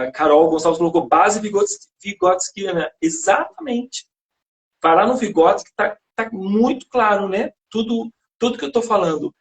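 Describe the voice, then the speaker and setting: Passionate high-voiced Brazilian man. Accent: Brazilian Portuguese. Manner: passionate, rhetorical, asks and answers his own questions. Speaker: educator and guest speaker. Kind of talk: casual live-stream talk. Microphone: phone or video-call mic.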